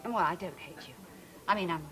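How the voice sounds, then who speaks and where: A woman's voice: lowish voice, brisk, pushed and bright, soft background music. An actress playing a middle-aged woman TV talk show host with dry, cutting wit.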